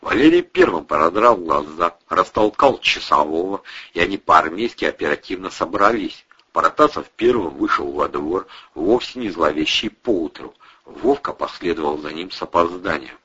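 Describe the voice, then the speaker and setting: A man reading an audiobook in an even, measured way, in a dull lo-fi recording. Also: sits low, slightly rough. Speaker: narrator. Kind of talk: audiobook narration.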